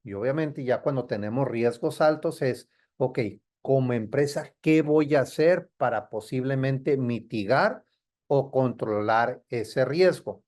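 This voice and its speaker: This explanatory talk comes from a man working as a trade compliance consultant, who walks listeners through security rules didactically and pauses to make sure they follow. He speaks without hurry in a medium, somewhat dark voice.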